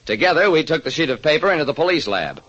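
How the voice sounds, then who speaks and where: Playing the hardboiled detective who narrates this old radio mystery, the man sounds wry and probing. His voice sits fairly high and fairly bright, swinging widely in pitch as he talks fast; the muffled recording carries slight background noise.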